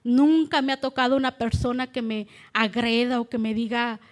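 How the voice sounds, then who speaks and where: A woman giving an animated church testimony, laughing often as she tells her story. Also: on the high side, moderate pace. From Mexico. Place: church meeting hall.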